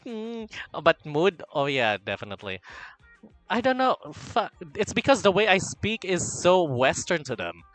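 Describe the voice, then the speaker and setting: With faint music behind him and no room sound, a high-voiced Filipino streamer talks at a moderate pace. His casual livestream chat has him reading comments aloud campily and animatedly, alternating soft mumbles with loud excitement.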